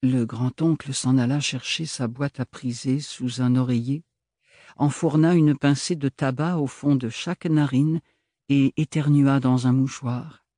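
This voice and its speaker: A man narrating a novel as an audiobook reader, in measured, steady storytelling. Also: medium pitch, dry recording, studio quality. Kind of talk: scripted narration.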